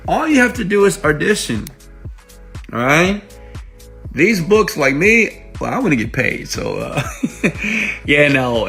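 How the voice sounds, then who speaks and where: The man's medium-pitched voice comes across pushed and bright. He's an online coach teaching people to make money, delivering an emphatic motivational tutorial to viewers, dropping rhetorical questions along the way, captured on an iPhone microphone.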